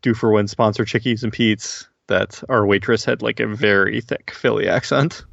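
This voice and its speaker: Joking male podcast co-host from Maryland, gravelly voice, dull dry recording. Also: on the low side, steady tone, moderate pace, a bit bright, no room sound. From Baltimore County, Maryland. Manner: jokey, laughs often. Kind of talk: casual chat.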